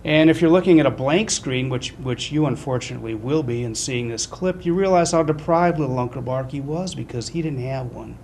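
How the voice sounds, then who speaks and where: Wry older man over faint rumble. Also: a little fast, few pauses, darkish tone. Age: middle-aged or older. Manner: chatty, wry, self-deprecating. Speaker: webcast host. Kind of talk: casual webcast commentary. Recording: noticeable low rumbling background noise.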